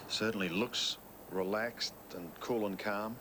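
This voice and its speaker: Low-voiced male golf commentator. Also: steady tone, measured pace, noisy background. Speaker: golf commentator, lead broadcaster.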